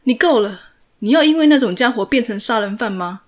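A woman's voice: low-pitched, moderate pace, slightly rough. A woman voicing an anxious young woman who pleads and scolds through tears in a retold drama. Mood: furious. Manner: pleading then scolding, crying.

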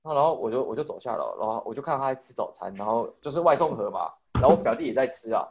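A young man with a Taiwanese Mandarin accent tells a long, rambling story to friends on a podcast. He talks fast at a middle pitch. He restarts his sentences and swears casually as he goes. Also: lively intonation, a little hiss or hum. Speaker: podcast co-host telling a story. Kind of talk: casual chat.

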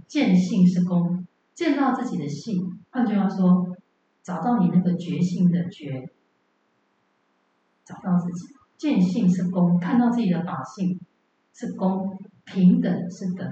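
With a warm, lowish voice, a woman teaches Buddhism in a lecture hall as a dharma teacher, sharing stories and asking rhetorical questions. The recording is dull, echoey and distant, with a little hiss or hum.

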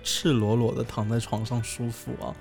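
A man co-hosting a casual chat show, trading relaxed, joking banter. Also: medium pitch, normal speed, faint music behind. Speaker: podcast co-host.

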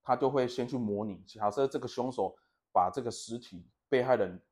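A man's voice: medium pitch, normal speed, a little mellow. Man telling rambling stories. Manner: rambling, laughs at his own stories. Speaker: podcast host. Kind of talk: casual chat, storytelling.

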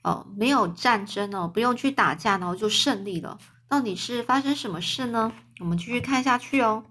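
A woman's voice: fairly quick, fairly bright tone. A woman reading a children's novel aloud, stopping to explain words in simple terms. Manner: voices the quoted characters with raised pitch.

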